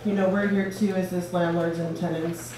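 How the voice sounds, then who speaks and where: A woman's voice: fairly low pitch, little pitch movement, extremely slow. An American woman giving an informal, explanatory introduction as a government staff speaker, with some hesitation. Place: large echoey indoor room. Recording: echoey room from far off, clear background noise.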